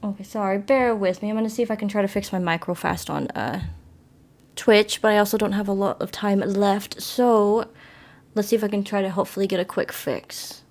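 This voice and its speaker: A woman's voice: mid-range voice, a little fast, darkish tone. A woman live streaming from her phone with a plugged-in mic, chatting apologetically with viewers and reading a story game aloud. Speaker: livestreamer.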